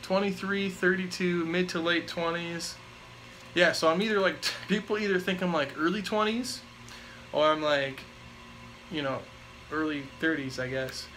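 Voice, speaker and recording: Relaxed and rambling, a vlogger in his 20s works through live viewer questions, packing his talk with fillers. His voice is on the high side at normal speed, and the low-quality recording has a little hiss or hum.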